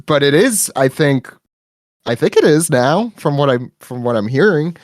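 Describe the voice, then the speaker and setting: A man talking as a guest on a casual podcast, eager and quick to restart his sentences as his voice climbs when he gets excited. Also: on the high side, no echo, studio quality.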